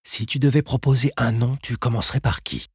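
A man's voice: mid-range voice, a little fast, a little mellow, husky, no echo, studio quality, voice pushed up. A man voicing a sardonic, blunt woman librarian in an audiobook, mocking and curt. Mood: teasing.

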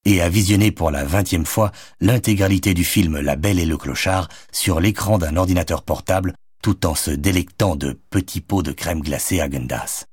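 A man reading a novel aloud as an audiobook narrator, in expressive, measured storytelling. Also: low voice, slightly rough, dry recording, studio quality.

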